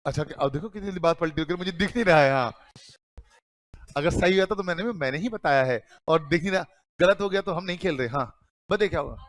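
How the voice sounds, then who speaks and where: High-voiced man teaching a class. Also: fast, dry recording. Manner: calls students "beta", asks and answers his own questions. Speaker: accounting teacher. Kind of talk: classroom lecture.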